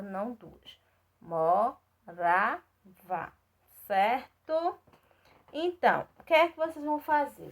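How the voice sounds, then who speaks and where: A woman with a Brazilian Portuguese accent teaching a class of young children, patiently spelling out syllables and checking that they follow. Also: fairly high pitch. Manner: patient, repeats and checks in with "tá certo?"; spells out syllables slowly and clearly. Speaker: primary school teacher. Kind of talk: recorded remote lesson for young children.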